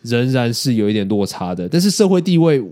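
A man's voice: medium pitch, big pitch swings, brisk, warm tone. A man, hosting a casual podcast and explaining his views thoughtfully with many hesitant restarts. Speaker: podcast host and editor. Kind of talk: casual chat.

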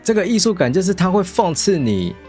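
A man's voice: high-pitched, sing-song, fairly quick, darkish tone, faint music behind. A man with a Taiwanese Mandarin accent chatting casually and expressively as a co-host of a book show. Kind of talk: casual chat about books.

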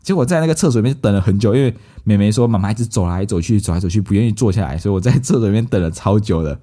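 Fast-talking man, low voice. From Malaysia. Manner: lively anecdote-telling, acts out quoted family members. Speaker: podcast host. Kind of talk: casual storytelling.

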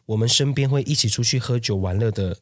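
A man tells a story on a relaxed podcast, acting out the other people's lines as he goes. His voice sits at an ordinary pitch. It is recorded close and dry, with no room sound. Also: fast, no room sound. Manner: animated storyteller who acts out quoted voices. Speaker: podcast co-host. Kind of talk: casual chat.

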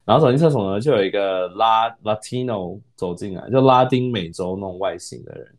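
A Taiwanese man with a Taiwanese Mandarin accent tells a story on a casual podcast, talking at a rapid clip in a lowish voice. He rambles, corrects himself mid-sentence and slips English words into his speech. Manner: rambling, self-correcting, mixes in English words, laughs often. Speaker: podcast co-host.

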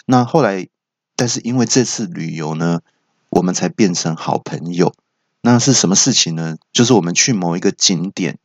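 A man's voice: deep voice, no room sound, muffled recording. A man with a Taiwanese Mandarin accent hosting a comedy podcast, telling funny stories and acting out the dialogue. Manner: jokey, acts out dialogue with raised voice. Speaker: podcast host. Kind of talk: stand-up style storytelling.

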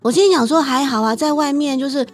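A middle-aged woman with a Taiwanese Mandarin accent, co-hosting a podcast in casual chat and answering quickly with agreement. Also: high-pitched, faint music behind. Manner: warm, agreeing listener, quick reactions. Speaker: podcast co-host.

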